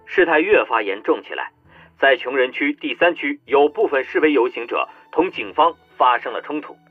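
一名男子在有声书中为一位表情严肃、快速播报的电视新闻主播配音，声音抬高，语气紧迫。. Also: male voice, mid-range voice, animated, slightly rough, dry recording, narrow, tinny audio, faint music behind, voice pushed up. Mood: urgent. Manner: fast, urgent news-bulletin delivery. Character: brisk, stern TV news anchor. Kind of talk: audiobook character voice.

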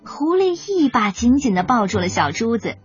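A woman narrating a children's storybook in a lively, expressive reading. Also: a little high, brisk. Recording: dull lo-fi recording, faint music.

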